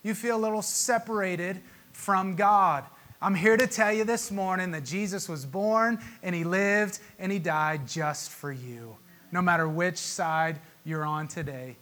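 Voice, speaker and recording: A male pastor preaching a Christmas sermon, emotional, with dramatic pauses and swelling emphasis. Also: high-pitched, fairly bright tone.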